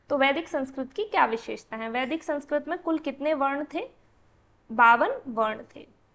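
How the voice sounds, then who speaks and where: Female lecturer, high-pitched, patient step-by-step exam-prep teaching, rhetorical questions. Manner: explains step by step, asks and answers own questions.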